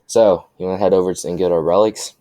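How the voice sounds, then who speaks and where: A man voicing a calm, confident young male ninja swordsman in a fan story, with a laid-back, offhand delivery. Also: low voice, fast talker, dry recording, lightly acted. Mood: casual.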